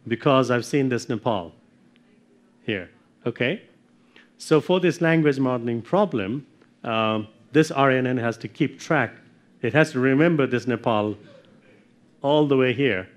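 A middle-aged man giving a technical lecture from slides, often checking in with "okay?" and clearing his throat. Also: mid-range voice, measured pace, pauses often. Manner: explanatory, checks in with frequent "okay?". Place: darkened lecture room with projector screen.

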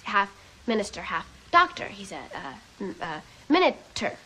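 An actress playing a quippy, flustered young female vampire slayer with an American accent and a halting, rambling delivery in a television drama. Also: mid-range voice, sing-song, bright, forceful tone, a little hiss or hum, rough recording. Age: young adult.

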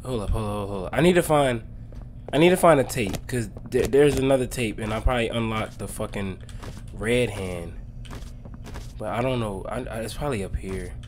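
A man's voice: on the low side, fairly quick. A young man, a scared horror game streamer, giving casual, slangy, profane commentary as he plays. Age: young adult. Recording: clear game ambience noise behind.

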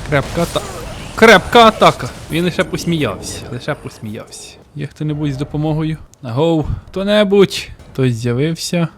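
Excitable male gamer, slightly high voice. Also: moderate pace, slight background noise. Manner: playful, bursts into excited yelling. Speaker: gaming YouTuber. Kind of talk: let's play commentary.

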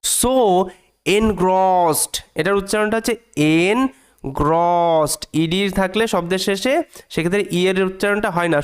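High, clear-voiced male language teacher. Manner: breaks sentences into small parts, repeats each phrase; draws out English words slowly when reading them. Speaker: English teacher. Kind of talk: explaining a reading lesson.

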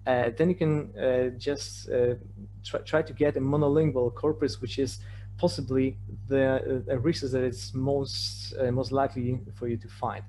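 This male speaker is a Polish-born conference presenter whose native Polish shows in his accent; his voice is mid-pitched, mellow, and level in tone. His lecture comes out haltingly, with hesitations, repeated words, and stammers at phrase openings. He presents remotely online with a shared screen, on a slightly noisy recording that carries a hum.

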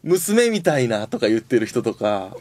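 A man with a Kansai accent hosting a comedy radio show, reading listener submissions aloud and firing back quick-witted comic retorts, often laughing. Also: medium pitch, big pitch swings, darkish tone, dry recording. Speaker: radio host.

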